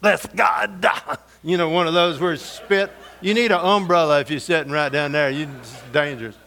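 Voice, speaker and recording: A middle-aged man preaching a storytelling sermon, folksy and humorous, going soft and intense for scripture. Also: fairly high pitch, steady tone, fairly quick.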